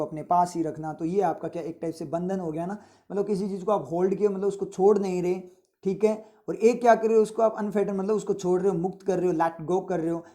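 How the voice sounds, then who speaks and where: Man, from India, vocabulary lesson, repetitive explaining, warm voice. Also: sits high. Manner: repetitive explaining with frequent rhetorical checks. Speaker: teacher. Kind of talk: vocabulary lesson with motivational asides.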